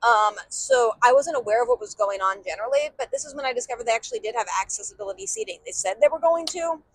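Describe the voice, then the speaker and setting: A woman co-hosting a podcast in casual chat, chatty and animated, laughing often. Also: on the high side, fast, no echo. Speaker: podcast co-host.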